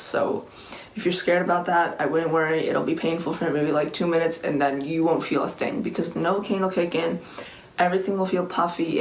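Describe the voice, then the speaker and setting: A young woman in her late teens telling a casual personal story in a rambling, conversational way, peppered with filler "like". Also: lowish voice. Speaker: vlogger. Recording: echoey room with faint background noise.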